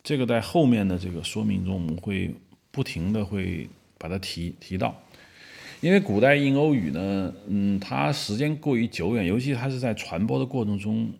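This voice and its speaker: A man's voice: lowish voice, lively intonation, moderate pace, creaky, a little mellow. A male podcast host explaining word origins in a casual, rambling monologue, with many fillers and restarts.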